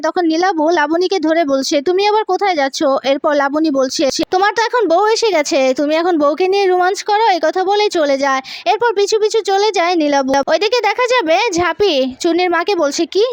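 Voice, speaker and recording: A woman retelling a TV serial episode in a fast, animated storytelling manner, reading every character's lines in her own voice. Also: very high-pitched, dry recording, studio quality. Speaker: serial synopsis narrator.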